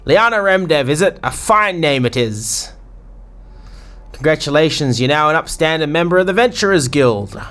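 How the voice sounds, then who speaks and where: A man's voice: fairly high pitch, expressive, moderate pace, a bit bright, voice pushed up. A man voicing a boisterous, bawdy male sailor innkeeper in a put-on English pirate accent, full of salty slang. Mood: jovial. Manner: salty slang, rambling banter.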